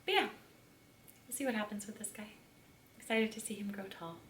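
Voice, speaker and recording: A woman's voice: medium pitch, a little fast, a bit bright. Chatty woman gushing from across a room. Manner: chatty and gushing, with many fillers. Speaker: plant vlogger. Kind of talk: casual home tour chat. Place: room in her home, indoors. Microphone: camera mic across the room. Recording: roomy and distant with faint ambient noise.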